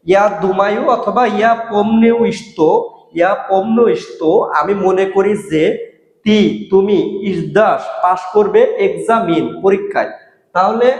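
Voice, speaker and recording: A man teaching a language lesson, repeating each word and phrase slowly and asking and answering his own questions. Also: sits high, darkish tone. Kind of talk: explaining Russian grammar in Bengali. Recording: echoey room with long reverb.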